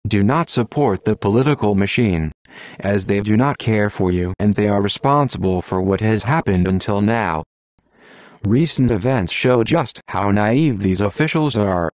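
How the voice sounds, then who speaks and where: A disguised, artificially deepened male voice sits low in pitch and is recorded completely dry, with no room around it. He delivers a scripted public warning in a stern, measured, declaiming way, reading as an anonymous spokesman. The tone stays grave and deliberate from line to line. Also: a little mellow, no echo.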